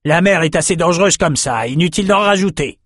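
A man voicing a gruff male ship captain who gives commands with a roar. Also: high voice, expressive, a little fast, fairly bright tone, no echo, clean studio sound, pitched above the performer's own voice. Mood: angry. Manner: roaring, commanding.

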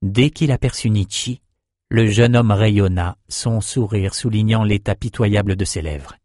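A man narrating a fantasy novel as an audiobook in a steady, even storytelling manner. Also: on the low side, measured pace, no echo, studio quality. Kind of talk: scripted narration.

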